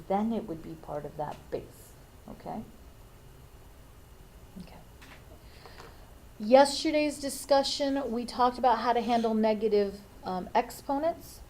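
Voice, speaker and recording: A woman's voice: mid-range voice, mellow, a little hiss or hum, low-quality recording. A woman teaching a math lesson, thinking aloud and checking in with frequent "okay?"s.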